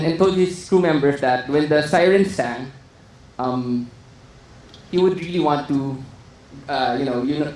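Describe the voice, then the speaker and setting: A man's voice: on the high side, darkish tone. A man giving a conference talk, hesitant and full of fillers and restarts. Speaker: conference speaker. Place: conference hall. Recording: echoey hall with faint noise.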